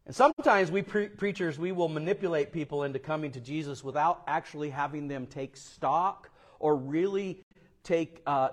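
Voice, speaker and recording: A pastor from Florida preaching a sermon to a church, his voice climbing loud and high, then falling low and quiet for emphasis.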